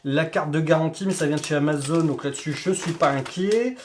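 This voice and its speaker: Chatty man unboxing gear, slightly high voice. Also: a little fast, slight background noise. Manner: chatty, addresses the viewer directly and informally. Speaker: vlogger reviewing gear. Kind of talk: casual unboxing vlog. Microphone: camera-mounted shotgun mic.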